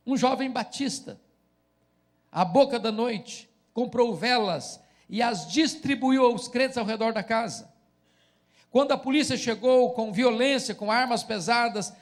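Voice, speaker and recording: A man with a Brazilian Portuguese accent preaching a sermon as pastor, dramatic and rising to loud chanted cries. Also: sits high.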